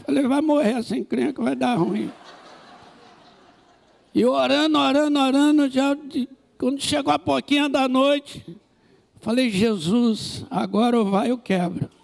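A man with a Brazilian Portuguese accent, a pastor telling a story in a sermon with animated comic asides. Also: very high voice, unhurried, creaky.

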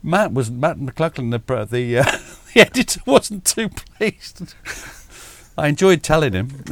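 A little high-pitched and slow, the middle-aged man talks over a video call with a bit of hiss or hum in the audio. He's a military historian appearing as a guest, animated, self-deprecating, prone to chuckles and restarted sentences.

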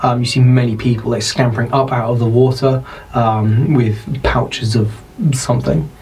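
A man with a British accent, narrating as dungeon master in an unhurried, descriptive way. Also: mid-range voice, fairly even intonation, darkish tone, slight background noise, poor audio. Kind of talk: narrating a tabletop game.

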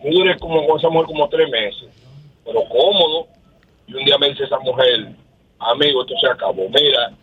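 A man's voice: medium pitch, fairly quick, breathy edge. A man in his sixties with a Dominican accent, calling in to a radio show and telling a rambling, earnest story. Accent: Dominican Spanish. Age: 60s. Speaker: caller. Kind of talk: phone-in story. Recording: tinny phone line.

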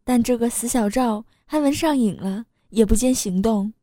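A woman's voice: on the high side, moderate pace, dark tone, dry recording, studio quality. A woman reading a first-person story aloud, in an earthy, matter-of-fact way. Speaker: story reader. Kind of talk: scripted first-person narration.

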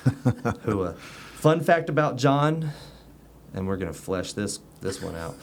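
A man's voice: mid-range voice, big pitch swings, a little slow, slight background noise. A man hosting a casual chat show, joking and rambling with fillers. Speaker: host.

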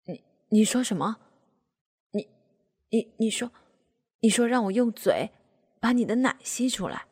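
A woman's voice: lowish voice, husky, long reverb tail, voice pushed down. A woman voicing a flustered middle-aged father who stammers and hesitates. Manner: stammering, halting.

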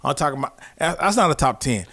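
A man's voice: mid-range voice, big pitch swings, fast talker, creaky, pushed and bright. A man co-hosting a podcast, emphatic and insistent on making his point. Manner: emphatic, repeats "listen" to hold the floor. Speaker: podcast co-host. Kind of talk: casual podcast banter.

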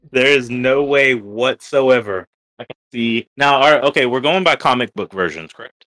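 A man's voice: medium pitch, a little slow, bright, forceful tone, rough recording. A man chatting casually as a panelist on a podcast. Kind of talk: casual chat.

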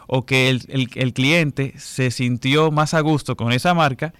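Clear-voiced man explaining cars. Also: mid-range voice, a bit bright, no echo. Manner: measured, explanatory. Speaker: car segment guest. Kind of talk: explaining on radio.

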